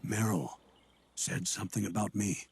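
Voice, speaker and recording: An actor playing a measured, fatherly older colonel in a video game, speaking in a husky voice as he explains himself. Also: on the low side, fairly even intonation, slight background noise. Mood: regretful, defensive. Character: older male retired colonel, measured, fatherly, slightly sheepish. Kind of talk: dramatic video game acting.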